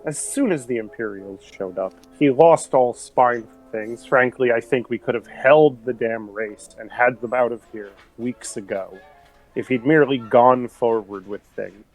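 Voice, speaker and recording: A man's voice: medium pitch, a little slow, faint music behind, close to an everyday voice, poor audio. A man voicing a formal, frank male casino club official in a tabletop game. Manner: formal, addresses listener as sir.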